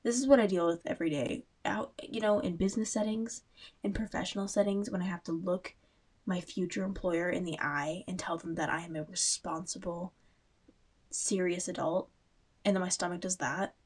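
A woman's voice: fairly low pitch, fairly even intonation, moderate pace, darkish tone, slightly rough. A young woman hosting a casual true-crime chat, talking in a loose, rambling way with frequent asides and ums. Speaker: podcast host.

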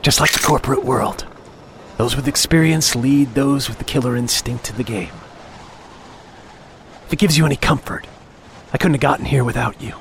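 A man's voice: medium pitch, normal speed, gravelly, pauses often, background noise, close to an everyday voice. A man playing a younger office underling on a hunt, talking on with mock cheer, taunts and menace in a dramatic audio story. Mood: quietly menacing. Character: younger male office underling, falsely chummy, needling, menacing hunting companion. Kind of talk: dramatic audio fiction acting.

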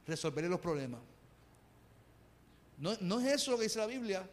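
A pastor preaching to his congregation, earnest and conversational, asking rhetorical questions. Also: high voice. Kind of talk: sermon. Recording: reverberant hall.

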